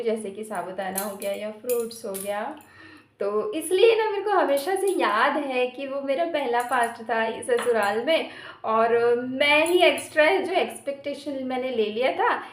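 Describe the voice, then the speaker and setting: A woman vlogger casually telling her viewers a personal story in a chatty way, sprinkling in short filler words. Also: a little high. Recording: roomy echo.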